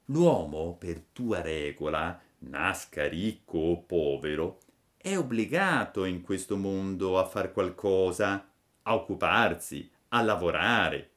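A man reading a storybook, voicing a gentle but stern fairy mother in a soft, low, measured voice. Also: lively intonation, exaggerated voice.

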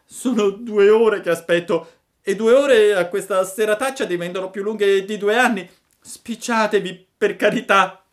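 A man voicing an impatient young wooden puppet boy in a storybook reading, shrill and shouting. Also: normal speed.

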